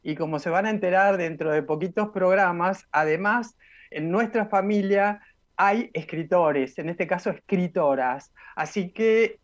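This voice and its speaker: Reflective Argentine woman on radio, lo-fi. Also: fairly low pitch. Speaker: radio co-host. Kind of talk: radio talk show conversation. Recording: dull lo-fi radio sound.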